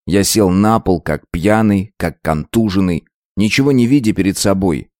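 Guy with a lowish voice reading an audiobook, dramatic and measured, dry close sound. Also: darkish tone, no echo. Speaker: narrator. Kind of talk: first-person audiobook narration.

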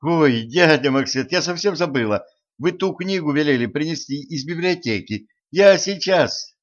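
A man voicing a lively, quick-witted young woman, raising his voice higher and talking eagerly. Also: dull audio, lightly acted.

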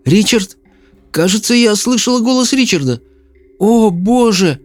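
A frightened mother, her voice high and panicky, voiced by a male narrator. She sounds confused and desperate in this audiobook. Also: lively intonation, unhurried, soft background music. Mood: panicked. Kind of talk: audiobook character voice.

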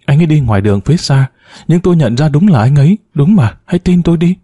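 A frail, dying young wife in an audiobook, speaking in a faint, halting whisper, as a male narrator reads her lines. Her voice stays low and dark, with a mellow tone and a dry, close sound. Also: lively intonation, husky, dry recording. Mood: feverish, urgent.

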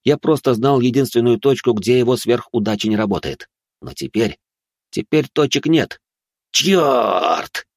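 A man's voice: medium pitch, animated, moderate pace, darkish tone. A man narrating a first-person story in a tense, dramatic way.

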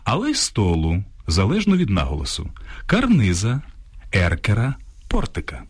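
A man presenting a scripted radio talk on grammar, reading out word lists in a measured way. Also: lowish voice, huge pitch swings. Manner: measured, lists examples slowly. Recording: radio studio broadcast.

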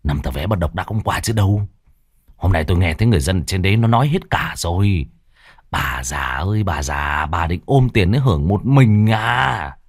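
A man voicing a brutal, greedy grown son in a ghost story, with a gruff, menacing delivery. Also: sits low, expressive, normal speed, dry recording, studio quality.

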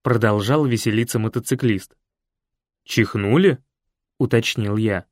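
A man narrating a humorous first-person story in a lively storytelling way. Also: fairly low pitch, unhurried, dry recording, studio quality.

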